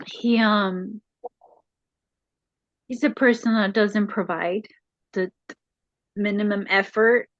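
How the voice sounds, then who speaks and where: A woman as a counseling client, retelling a home conflict haltingly with many fillers, her voice rising when upset. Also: mid-range voice, fairly even intonation, fairly bright tone, dry recording, muffled recording. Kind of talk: emotional retelling in a counseling session.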